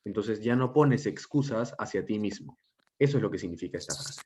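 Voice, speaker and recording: A man teacher giving an online class lecture, explaining step by step and often checking in with a quick question. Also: lowish voice, animated, noisy background. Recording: dull lo-fi audio.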